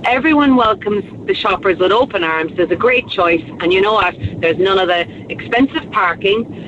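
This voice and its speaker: A woman's voice: mid-range voice, lively intonation, normal speed. An Irish woman with a southwestern Kerry accent, speaking emphatically and indignantly as a caller to a radio phone-in. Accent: southwest of Ireland, Kerry. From County Kerry, Ireland. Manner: emphatic, forthright. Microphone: telephone. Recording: dull phone-in line, faint noise.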